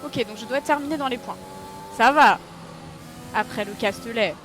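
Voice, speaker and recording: Excitable female streamer, self-mocking, talking to her chat, slightly high pitched, game engine roar in the mix. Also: moderate pace. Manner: excitable, talks to her audience, yelps and self-mocks. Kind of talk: live gameplay commentary. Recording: racing game engine noise behind.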